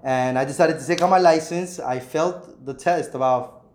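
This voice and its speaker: An earnest, frank man in his thirties, a realtor and property investor, is a guest in a casual interview held in an empty apartment unit with an echoey sound. His voice is on the high side and darkish, at a moderate pace. He repeats words and says "you know" a lot.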